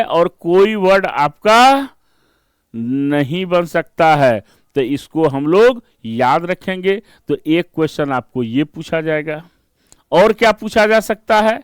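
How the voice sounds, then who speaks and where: A man with an Indian accent gives an exam-prep reasoning lesson, walking through each step and pausing to ask rhetorical questions. His voice sits high and sounds crisp and clear. The recording is dry and close. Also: dry recording. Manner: explains step by step, mixing Hindi and English, asks rhetorical checks. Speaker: reasoning teacher.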